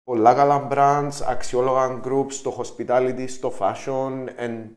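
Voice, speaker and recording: A man with a Cypriot Greek accent hosting an interview, speaking haltingly and often switching into English phrases. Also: medium pitch, little pitch movement. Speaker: podcast host, interviewer. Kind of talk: conversational interviewing. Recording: roomy, echoey sound.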